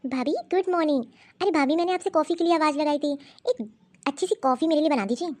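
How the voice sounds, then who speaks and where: A woman voicing a scheming, bossy young sister-in-law in an animated cartoon story, coaxing and ordering others about. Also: high voice, fast, close to an everyday voice.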